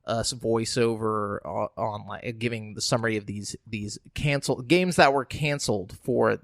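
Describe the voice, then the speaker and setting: A man's voice: lowish voice, moderate pace, vocal fry, no room sound, clean studio sound. A young man co-hosting a podcast in loose, rambling casual chat. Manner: loose and rambling, many fillers. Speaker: podcast co-host.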